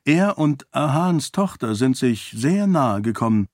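Audiobook princess: proud, quick-tongued young woman, read by a man in a raised voice, dry sound. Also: mid-range voice, sing-song, darkish tone, no echo, pitched above the performer's own voice. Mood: earnest.

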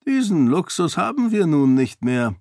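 Aged duke, commanding, deliberate, male reader, lifted pitch, dry. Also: big pitch swings, darkish tone, no echo. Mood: stern measured. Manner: measured, commanding. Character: aged, dignified duke leading the lords.

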